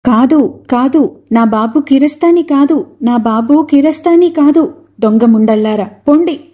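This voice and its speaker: A proud, grieving mother who pleads through tears and then turns defiant, as a woman reader puts her on. The voice sits a little high, with a soft, mellow tone. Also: steady tone, normal speed, natural voice. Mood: tearful fury. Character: grieving middle-aged mother, fierce and proud.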